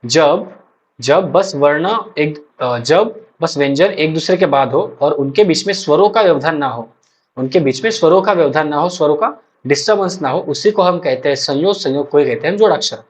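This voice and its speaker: Husky man teaching a repetitive lesson. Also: fairly high pitch, lively intonation. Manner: explains slowly with many repetitions and check-ins. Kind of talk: exam-prep lecture. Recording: dull lo-fi recording.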